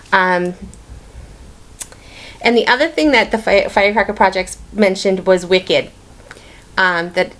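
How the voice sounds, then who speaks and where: A woman's voice: medium pitch, fairly bright tone. A woman with a Boston-area accent, chatting casually in her stitching vlog and rambling with plenty of ums and restarts. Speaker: stitching vlogger. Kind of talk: casual hobby vlog chat.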